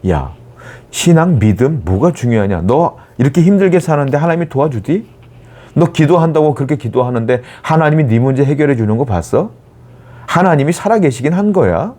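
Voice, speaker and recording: A man's voice: on the high side, very animated, brisk, warm tone, pitched above the performer's own voice. A pastor acting out a worldly man who scoffs at faith. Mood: scoffing. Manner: mocking, derisive.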